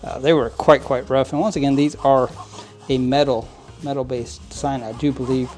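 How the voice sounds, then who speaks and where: A man's voice: medium pitch, steady tone, moderate pace, a little mellow, soft background music. A man casually narrating hands-on model train cleaning at his work table, rambling with fillers and little chuckles. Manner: rambling, many fillers and restarts, chuckles often. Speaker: model train hobbyist channel host. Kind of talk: casual how-to narration while working.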